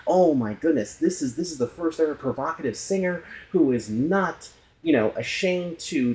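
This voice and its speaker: A man hosting and narrating a casual documentary about a musician, chatty and quick to correct himself aloud. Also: on the high side, a little mellow. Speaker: host.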